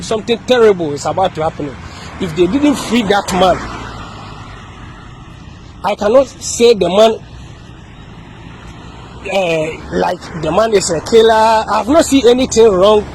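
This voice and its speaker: A Ghanaian-accented man records an impassioned message outdoors, hammering points home by repetition. His voice is high for a man, and faint traffic drifts in behind him. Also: a little mellow, low-quality recording. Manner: repetitive, emphatic, with many restarts. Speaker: activist speaking to camera.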